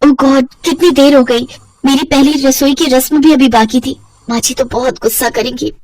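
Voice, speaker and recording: A woman's voice: sits high, fairly even intonation, moderate pace, darkish tone, far from the mic, a little hiss or hum, lightly acted. A woman voicing a timid, anxious young bride who pleads and stammers. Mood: worried.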